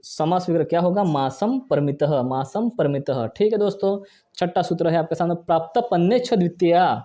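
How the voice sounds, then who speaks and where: Man teaching grammar, fast and repetitive, mellow tone, slightly high voice. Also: fairly even intonation. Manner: repeats each example, asks and answers own questions; fast, brisk delivery. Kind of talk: exam-prep grammar lesson.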